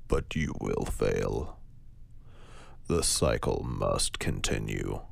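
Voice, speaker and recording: A huge robotic alien machine that speaks in a cold, flat monotone with no rise or fall. The voice sits extremely low and grinds with heavy gravel. Each word comes slow and deliberate, recorded close and dry. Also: male voice, no echo, heavily acted. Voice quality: deep gravelly monotone without inflection. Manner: slow, flat, ominous pronouncements.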